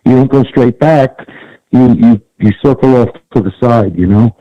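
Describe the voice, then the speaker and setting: A man's voice: medium pitch, no echo. Man on a fuzzy, distorted phone line. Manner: halting, with many restarts. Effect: fuzzy distorted, overmodulated phone line. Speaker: caller. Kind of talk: casual call-in chat. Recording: dull distorted phone call.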